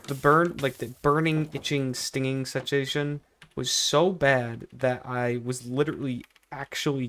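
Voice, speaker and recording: A young man telling a personal story in a casual vlog style, rambling and repeating himself with emphatic, exaggerated complaint. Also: mid-range voice. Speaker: video creator.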